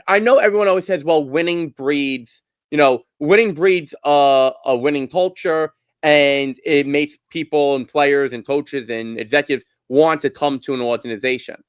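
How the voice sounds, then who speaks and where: A man's voice: on the high side, dry recording. A man from Brooklyn with a Brooklyn accent, co-hosting a casual sports talk podcast and pressing his point with rhetorical questions. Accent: Brooklyn New York. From Brooklyn, New York. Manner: argues through rhetorical questions. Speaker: podcast co-host.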